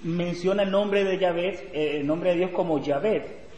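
Guy teaching bible class, fairly high voice, keeps repeating his points, big echoey church hall, faint noise behind. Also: measured pace, darkish tone. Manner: explains by repeating phrases and acting out quoted dialogue.

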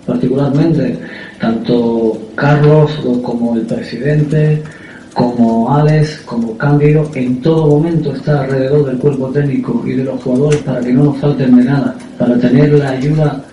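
A man, a football coach, answering at a press conference in a halting way, often repeating words and filling pauses with "eh". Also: mid-range voice, fairly even intonation, dark tone, lo-fi sound, faint music behind. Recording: echoey room, distant mic.

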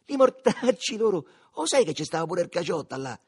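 A man's voice: high-pitched, sing-song, a little fast, slightly rough, pitched above the performer's own voice, full character voice. A man voicing Riccetto, a streetwise Roman teen, swaggering and cursing in a Roman accent. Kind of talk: audiobook character voice.

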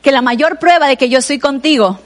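High-voiced Mexican woman preaching. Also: brisk. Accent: Mexican Spanish. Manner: conversational preaching with asides to the listener. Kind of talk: sermon.

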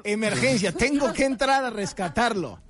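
A man's voice: high-pitched, animated, normal speed, a loud crowd. A man hosting a radio news slot, joking in mock-dramatic tones with his colleagues. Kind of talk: radio banter.

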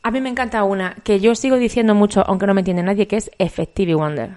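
A woman in her forties with a Castilian Spanish accent, telling anecdotes in casual, colloquial and expressive chat. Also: mid-range voice, quick pace. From Spain. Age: 40s. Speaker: co-host.

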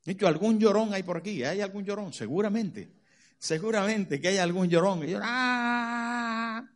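High-voiced male preacher. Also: fairly quick, darkish tone. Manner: dramatic, asks the congregation rhetorical questions. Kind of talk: sermon.

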